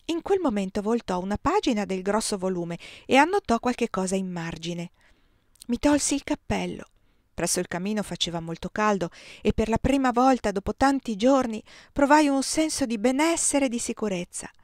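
Brief: woman narrating a novel, measured and expressive, close dry recording. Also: mid-range voice, dry recording. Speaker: audiobook reader. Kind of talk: literary audiobook narration.

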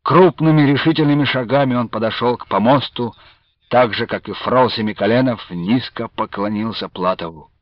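A man reading a story aloud as scripted narration, measured and theatrical, in a dull lo-fi radio recording. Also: mid-range voice, no echo. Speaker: reader.

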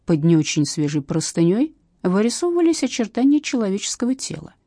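A woman narrating a detective novel aloud in a lively, expressive way. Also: mid-range voice, fast, no room sound, clean studio sound. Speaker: audiobook narrator.

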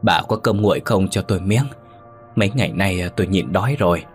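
A pitiful, pleading ghost of an older village husband, put on by a male narrator. His voice sits very low and deep, weepy with sorrow in a spoken horror tale. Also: fairly quick, soft background music, close to an everyday voice. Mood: hungry pleading. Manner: pleading, weeping.

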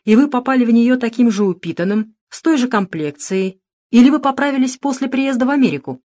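A woman's voice: on the high side, animated, a little fast, a little mellow, no room sound, studio quality, voice pushed up. A woman voicing a cool, mocking male private detective in an audiobook, speaking sternly. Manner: stern, needling. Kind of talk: audiobook narration.

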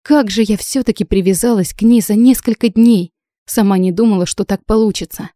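A woman narrating a first-person audiobook in an even reading manner. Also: medium pitch, a little fast, no room sound.

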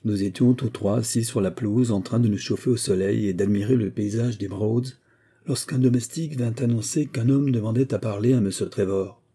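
A man narrating an audiobook in the first person, reading in a steady, measured way. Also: fairly low pitch, breathy edge.

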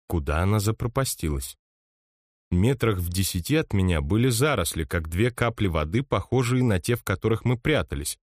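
A man narrating an audiobook in the first person with measured, steady storytelling. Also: deep voice, no room sound, clean studio sound.

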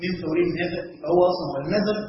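Egyptian guy teaching a class, talks fast, high voice, keeps quizzing students, echoey hall, kinda muffled. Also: a little hiss or hum. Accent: Egyptian Arabic. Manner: questions the class often, reads text in a slow chant. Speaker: Quran commentary teacher. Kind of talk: classroom lesson with questions to students. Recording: echoey, dull hall recording.

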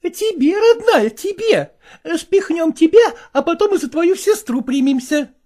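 A woman's voice: very high-pitched, very animated, a little slow, warm tone, exaggerated voice. A woman reading a story aloud, voicing a chatty, bustling old matchmaker. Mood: teasing. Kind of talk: audiobook character voice.

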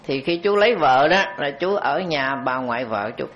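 A Buddhist monk shares a story during a dharma talk at a moderate pace, his somewhat high male voice expressive and conversational. He addresses the audience directly, and the dull, lo-fi recording carries slight background noise.

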